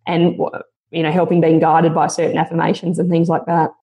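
A woman's voice: sits low, monotone, a little fast, dark tone. A woman guest on a podcast interview, speaking in an earnest, motivational and reflective way.

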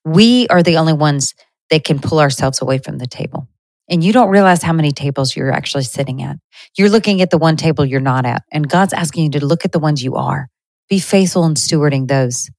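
Earnest low-voiced woman host. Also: fairly quick, darkish tone, dry recording, rough recording. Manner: earnest and conversational, with frequent restarts. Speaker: podcast host. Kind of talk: reflective faith talk to listeners.

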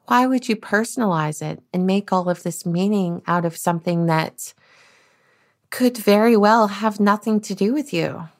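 A woman's voice: mid-range voice, moderate pace. A woman hosting a solo self-help podcast, talking earnestly and casually, often repeating and restarting her words. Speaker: podcast host.

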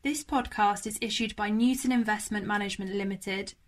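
A woman reading a scripted legal disclaimer in a formal, measured way. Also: medium pitch, steady tone. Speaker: podcast disclaimer reader.

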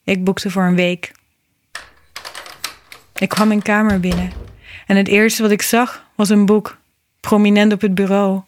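A woman reading a scripted, reflective narration in a gentle, meditative manner. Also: medium pitch, flat delivery, measured pace, long pauses, dry recording. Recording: music behind the voice. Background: music.

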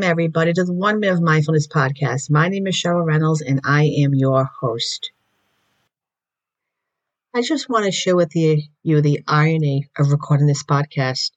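A woman with a raspy voice hosting a mindfulness podcast, calmly guiding listeners through breathing, her voice slightly hoarse from allergies and recorded in an echoey room. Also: deep voice, lo-fi sound. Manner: calm, slow guided breathing instructions. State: voice going in and out from allergies. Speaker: podcast host.

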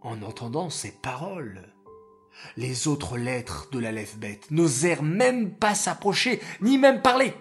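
Brief: warm-paced children's story narrator, slow delivery, soft music underneath. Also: mid-range voice. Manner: expressive, addressing children directly.

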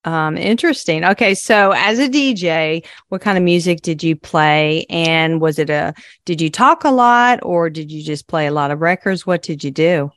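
A woman hosting an interview show, asking her guest questions and responding to his stories with quick affirmations. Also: low-pitched, fairly bright tone, dry recording. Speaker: show host.

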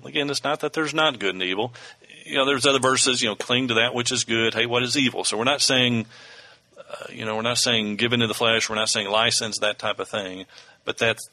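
A man's voice: lowish voice, bright, forceful tone, rough recording. A man co-hosting a casual podcast chat, rambling through stories and drifting off topic. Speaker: co-host.

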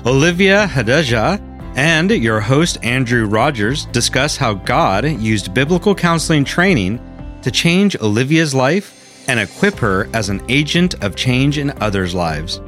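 A man's voice: medium pitch, expressive, a little slow, fairly bright tone. A man reading a scripted podcast introduction as the announcer. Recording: faint music behind. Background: faint music.

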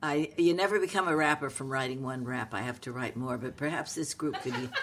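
Woman, late eighties, New with flavor. Halting, wry, playful conversational storyteller. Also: rumbling low. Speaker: comedic actress, podcast co-host.

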